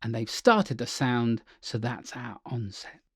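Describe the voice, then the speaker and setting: A man's voice: mid-range voice, expressive, takes it slowly, husky, no room sound, studio quality. A man teaching a singing lesson as a vocal coach, upbeat and chatty, checking in with the listener often.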